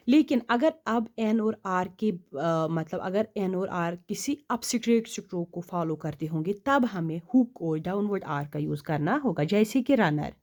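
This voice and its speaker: A woman teaching shorthand, explaining step by step, asking questions and answering them herself, and reading rules slowly. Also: on the low side. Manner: reads English rule text slowly and deliberately; drops to quiet, trailing asides while writing outlines. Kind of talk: classroom explanation.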